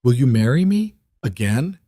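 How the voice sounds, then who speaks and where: A man voicing an earnest, devoted single father who speaks gently. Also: medium pitch, sing-song, normal speed, dry recording, studio quality, pitched above the performer's own voice.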